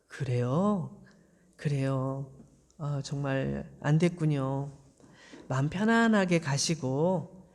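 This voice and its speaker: A woman voicing an old male priest in a story-style sermon, who scolds loudly at first and then apologizes softly. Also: on the high side, long reverb tail, pitched below the performer's own voice.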